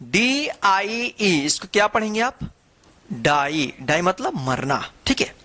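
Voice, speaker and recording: Woman, teacher, unhurried classroom drill voice, spells and repeats every word. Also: low voice, sing-song, a bit bright. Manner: drills words, asks and answers her own questions; spells words out letter by letter, slowly. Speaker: English teacher. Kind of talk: classroom-style reading lesson.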